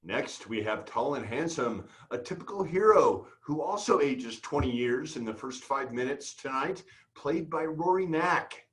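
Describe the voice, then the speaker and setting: A man's voice: medium pitch, lively intonation, a little slow, few pauses, fairly bright tone, poor audio. A man announcing a cast in a theatrical show introduction.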